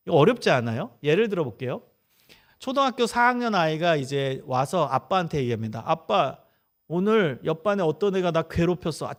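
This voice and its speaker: A middle-aged man lecturing to a church congregation in a high, bright voice. His pitch swings widely as he acts out little scenes between parents and children. He keeps turning to the audience with questions and has them repeat phrases back. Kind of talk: lively church lecture with acted-out examples. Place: church sanctuary.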